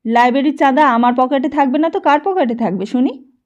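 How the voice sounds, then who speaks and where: A woman's voice: on the high side, normal speed, a little mellow, lo-fi sound, natural voice. A woman voicing an irritable young man who answers his mother with curt, angry retorts. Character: irritable young man, short-tempered son.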